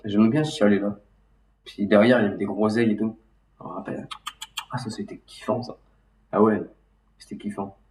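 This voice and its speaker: Guy with a lowish voice just rambling, lots of restarts, sounds far off the mic. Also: flat delivery, a little mellow, a little hiss or hum. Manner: halting, many restarts and fillers. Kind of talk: casual rambling monologue. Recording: roomy echo, mic at a distance.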